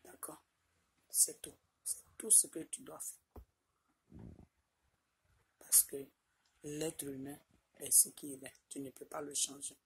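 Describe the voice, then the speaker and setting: A middle-aged woman from Côte d'Ivoire, speaking with an Ivorian French accent, talks into her phone camera at arm's length from a small room. Her voice sits low and steady, slow with long pauses, over a rough recording with slight background noise. She is insistent, repeating her points and checking in with "ok?" time after time.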